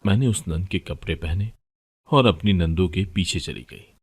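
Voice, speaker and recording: A man narrating a story in the first person in a plain, steady storytelling manner. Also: low voice, moderate pace, husky.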